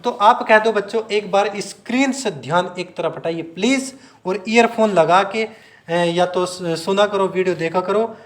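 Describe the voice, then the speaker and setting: A man's voice: high-pitched, a little slow. A man teaching a grammar lesson to exam students, drilling them with repeated questions and answers and stretching sounds out to demonstrate. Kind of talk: classroom-style video lesson.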